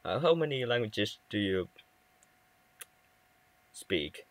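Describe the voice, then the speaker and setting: A young Finnish man with a Finnish accent chats casually with viewers on a game livestream, speaking slowly in a lowish, very animated voice. He often stumbles and restarts words, and there is no echo.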